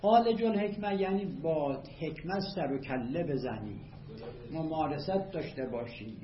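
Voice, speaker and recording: Measured man lecturing in an echoey room. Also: a little high, slight background noise. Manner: measured, explanatory, reads quotes aloud then glosses them. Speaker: teacher of Arabic rhetoric. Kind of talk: classroom lecture, explaining a text line by line. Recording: echoey room, slightly dull lo-fi audio.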